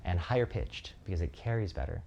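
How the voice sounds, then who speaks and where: A man with a close mic, speaking in a thoughtful and reflective way during a casual conversation, often pausing on fillers. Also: low voice, animated, creaky, dark tone, muffled recording. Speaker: relating practice facilitator.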